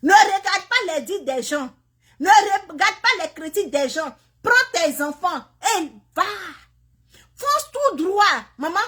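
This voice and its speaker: A woman in Canada, telling her migration story, speaks passionately into a phone video and scolds other mothers with repetitive, pointed questions in a preachy way. Her extremely high voice is very animated and a bit bright, and she takes it slowly.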